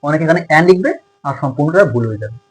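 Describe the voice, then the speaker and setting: Male tutor, Bengali accent, fast, husky voice, quizzing and answering himself. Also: fairly high pitch, lively intonation, poor audio. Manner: asks questions and answers them himself. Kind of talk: grammar lesson.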